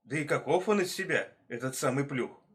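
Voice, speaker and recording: A man voicing a strong wolf in a storybook tale, thinking aloud in a deliberate way. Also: mid-range voice, lively intonation, a bit bright, lightly acted. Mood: pondering. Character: male wolf, strong, mulling things over.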